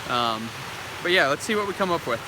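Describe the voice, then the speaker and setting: A man giving a casual vlog commentary outdoors beside a rushing river, thinking aloud as he talks to his camera. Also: a little high, expressive. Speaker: vlogger and landscape photographer. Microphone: handheld phone or action camera. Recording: noisy outdoor audio with loud rushing water. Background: rushing river and waterfall noise.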